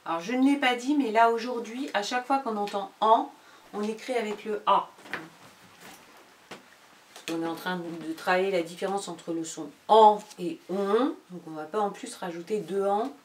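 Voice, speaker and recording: A woman teaching a young child a phonics lesson from home, with slow, patient and clearly articulated sounds. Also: medium pitch. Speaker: primary school teacher. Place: home with pets. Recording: roomy echo, distant from the mic, faint noise.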